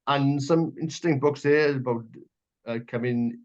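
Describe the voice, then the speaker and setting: On dull, muffled lo-fi audio, a man from Wales hosts a political radio interview in a conversational style, piling clause upon clause with emphasis. His mid-range voice has a darkish tone at normal speed.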